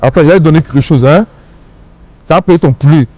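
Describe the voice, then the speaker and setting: Coaxing Ivorian man, high voice. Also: brisk, mellow, no echo, muffled recording. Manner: coaxing, repetitive, full of "hein". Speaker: man filming a street act of charity. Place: outdoors on a street at night.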